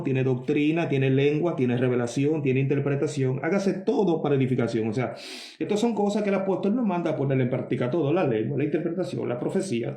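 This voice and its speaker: A man with a fairly high yet mellow voice gives a Bible teaching sermon. He reads scripture slowly, then explains it with emphatic asides, calling out to his brothers. The sound is roomy and echoing. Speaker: preacher.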